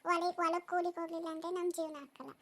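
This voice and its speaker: A woman's voice: extremely high pitch, level tone, racing, a bit bright. A woman voicing a worried village mother in a cartoon, speaking rustic dialect, soothing and scolding her married daughter. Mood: concerned.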